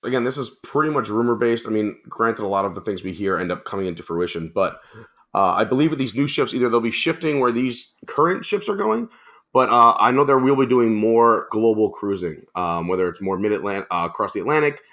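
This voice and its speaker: Podcast guest: friendly man, low-ish voice with a bright, forceful edge, easygoing chat. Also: lively intonation, fairly quick. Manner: friendly, chatty, many fillers.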